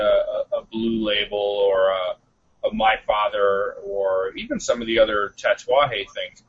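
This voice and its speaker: A man co-hosting over a telephone line, muffled and dull as if he were talking from inside a barrel. His voice is husky and breathy, and his pitch swings up and down a lot. He stumbles and restarts and drops in exclamations like "good gracious". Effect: muffled phone line that sounds like he is inside a barrel. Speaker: podcast co-host. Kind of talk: casual chat.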